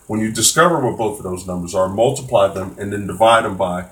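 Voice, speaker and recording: A man's voice: on the low side, brisk. Casual man teaching math live. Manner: casual, encouraging, many fillers and restarts. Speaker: test prep tutor. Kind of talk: live-stream math lesson.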